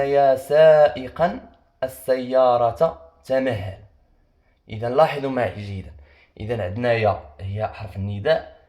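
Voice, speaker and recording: Fast-talking Moroccan man teaching grammar. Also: mid-range voice, a little mellow. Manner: asks questions then answers them himself, repeats key points. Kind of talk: exam-prep grammar lesson. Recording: echoey room.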